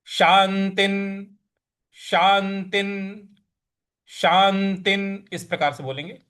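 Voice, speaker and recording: A man's voice: high voice, little pitch movement, very slow, a bit bright, smooth. A man teaching scripture recitation, drilling pronunciation syllable by syllable and chanting verses in a melodic sing-song. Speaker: Gita teacher. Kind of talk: recitation lesson.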